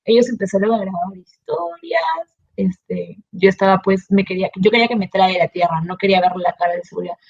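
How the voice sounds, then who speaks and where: A young woman with a Peruvian Spanish accent, a student telling an anecdote in a casual, animated way with frequent laughs. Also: mid-range voice, creaky, slightly rough, lo-fi sound. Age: young adult. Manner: animated, laughs often, quick asides. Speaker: engineering student, guest.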